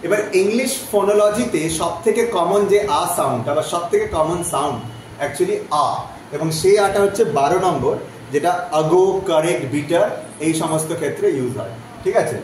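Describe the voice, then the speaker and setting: A man teaching a phonetics lesson, repeating vowel sounds slowly so students can follow. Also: sits high, lively intonation. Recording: very echoey room, voice from off-mic, faint background noise.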